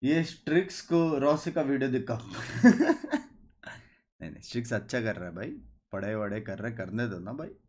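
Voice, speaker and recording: A man's voice: medium pitch, moderate pace, a little mellow. A young man with an Indian accent, hosting a game watch-party stream and joking with his viewers in casual chat, slipping English phrases into his talk. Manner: chatty and joking, mixes English into Hindi.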